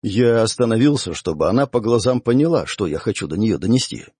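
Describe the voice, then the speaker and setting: A man tells a first-person story for an audiobook, reading expressively. His voice is slightly husky and moves a lot in pitch. The recording is dry and close, with no room sound. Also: very animated, brisk, dark tone, no room sound. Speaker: audiobook narrator.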